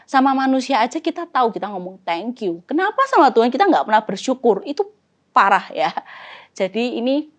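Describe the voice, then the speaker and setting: A woman youth preacher with an Indonesian accent, her voice sitting a little high. She keeps the sermon casual, throws questions at her listeners and answers them herself, and slips English phrases in among her words. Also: animated, brisk. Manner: talks casually to youth, role-plays prayers. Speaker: youth service speaker. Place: church, streamed service.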